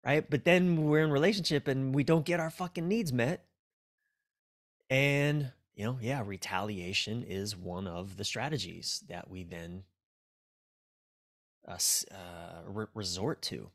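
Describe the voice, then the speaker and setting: Speaking from a small, dimly lit room over a video call, this forties-aged American relationship coach chats as a podcast guest with an unhurried, mid-range voice. The talk is casual and candid, and he's thoughtful, blunt, and given to cursing.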